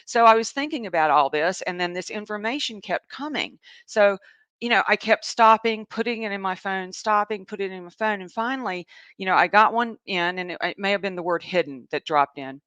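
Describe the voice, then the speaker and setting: A woman's voice: mid-range voice, fairly quick, a bit bright, no echo. A woman with a Southern US accent hosting a live show, chatting casually and rambling through a personal story. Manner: chatty, rambling, laughs often, reads viewer comments. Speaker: host, animal communicator. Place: home in Asheville.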